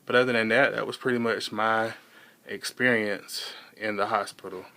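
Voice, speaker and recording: A young American man talking casually to viewers in a personal vlog, halting and rambling, repeating himself for emphasis. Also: fairly low pitch, steady tone, creaky, bright, forceful tone, a little hiss or hum. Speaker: vlogger.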